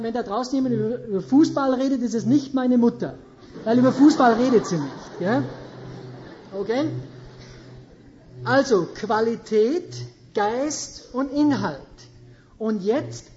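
A woman's voice: a little high, mellow, highs cut off. A woman preaching a sermon, questioning her audience and stressing her points emphatically.

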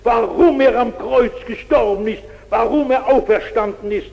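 Fervent male believer, as a preacher acts him out, urgent, high-pitched, loud, dull echoey hall recording. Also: moderate pace, creaky. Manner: urgent, rising exhortation.

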